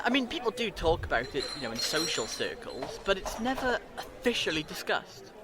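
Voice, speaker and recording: The Doctor, a man acting a bright, high-pitched time traveller. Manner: theatrical, eloquent explaining. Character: the Doctor, clever, theatrical, reassuring male alien time traveller. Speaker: fan audio drama actor. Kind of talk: fan audio drama acting.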